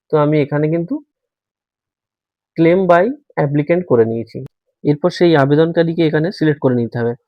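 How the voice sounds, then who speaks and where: A man talks viewers patiently through a screen tutorial in a slightly high voice. The recording is dry and a little dull. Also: no echo. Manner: patient, step-by-step explaining, addressing viewers as friends. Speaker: tutorial host. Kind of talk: screen-recorded how-to walkthrough.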